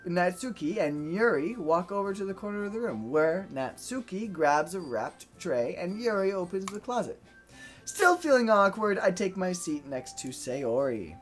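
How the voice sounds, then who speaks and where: A woman streamer narrates a visual novel aloud, breaking in with playful, wry asides. Her voice sits low but swings widely in pitch. She takes it slowly, with soft music playing behind her.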